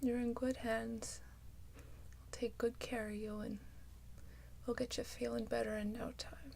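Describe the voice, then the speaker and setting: Slow, soft-spoken woman in nurse role-play. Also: a little high, flat delivery, gravelly, slight background noise. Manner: gentle, reassuring nurse bedside manner. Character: caring, attentive female nurse. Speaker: ASMR performer playing a nurse.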